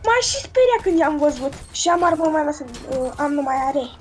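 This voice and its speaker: A woman plays a game alongside friends. She speaks in short, excited callouts. Her voice sits very high. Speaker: gaming friend. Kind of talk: casual gameplay chat.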